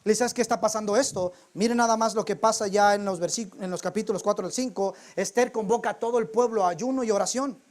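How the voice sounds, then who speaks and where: A man's voice: high voice, fast, few pauses. A male preacher delivers a sermon in church. He retells the story in a loose, colloquial and humorous way.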